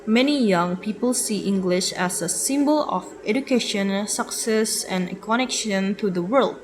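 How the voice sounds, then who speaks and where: A woman's voice: mid-range voice, moderate pace, slight background noise, rough recording. A young woman giving a class presentation from slides, hesitant, with fillers and self-corrections. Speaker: student presenter.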